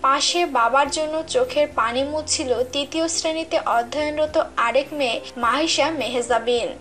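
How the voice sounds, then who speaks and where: A woman narrates a scripted news report. Her voice sits high in pitch. She speaks as the off-screen reader of the story. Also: moderate pace, a bit bright, faint music behind.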